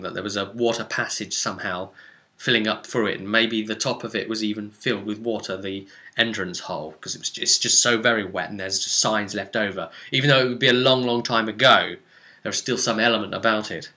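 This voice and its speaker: Playing game master, a man recounts a tabletop role-playing session in a loose, rambling way, full of descriptive detail and dramatic stress on key words. His voice sits on the low side, with a bright, forceful tone.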